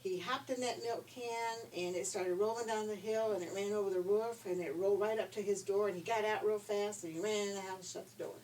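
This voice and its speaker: Here the older storyteller speaks fairly quickly with hardly any pauses, her mid-range voice fairly even and darkish in tone. She chats informally and folksily to children, recorded from a distant mic over faint background noise.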